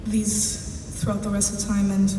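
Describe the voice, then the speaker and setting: A young woman speaks earnestly at a podium, her tone flat and even. The sound is distant in a reverberant hall, with a clear background hiss. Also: mid-range voice, measured pace. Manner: earnest, sincere, a bit hesitant. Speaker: daughter speaking at a memorial. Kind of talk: short memorial speech. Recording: echoey hall from a distance with noise.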